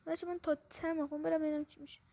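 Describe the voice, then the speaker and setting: A woman's voice: sits high, level tone, creaky, mellow. A woman giving casual commentary on a horror game, jumpy and panicky, often repeating questions to herself. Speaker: gameplay video host. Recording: muffled lo-fi recording.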